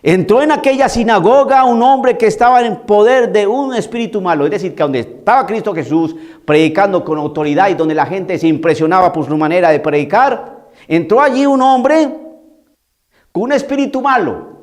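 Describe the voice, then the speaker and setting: A priest giving an emphatic homily, repeating key phrases and asking rhetorical questions. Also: male voice, high-pitched, animated, normal speed, a little mellow.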